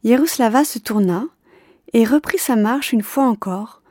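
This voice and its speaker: A woman reads a children's storybook aloud at a steady, clear pace. Her voice is mellow and dark in tone. The recording is dry and close, with no room sound. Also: a little high, a little slow, no room sound. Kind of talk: scripted storybook narration.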